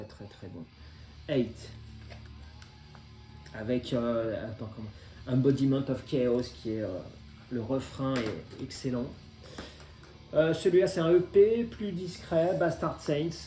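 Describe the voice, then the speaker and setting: A man in his forties talks casually about the records he collects. His voice is mellow and mid-pitched, and he hesitates often while staying enthusiastic. The room around him has a noticeable echo. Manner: hesitant, many filler sounds, enthusiastic. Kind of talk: casual chat presenting vinyl records. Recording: roomy echo.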